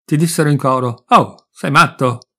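A man with a gravelly voice reading the lines of a fond, talkative elderly mother in an audiobook story. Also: mid-range voice, moderate pace. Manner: gentle, reminiscing, affectionate.

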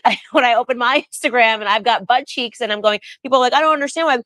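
A woman in her thirties talking in an emphatic, animated way in a casual podcast discussion. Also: fairly high pitch, quick pace, no room sound. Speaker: podcast guest.

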